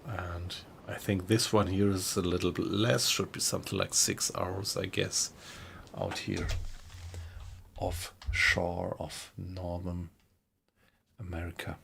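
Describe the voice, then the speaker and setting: Deep gravelly german guy streaming a game, slow and easygoing. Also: slight background noise. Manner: relaxed, chatty, greets viewers in chat. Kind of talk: casual live-stream commentary.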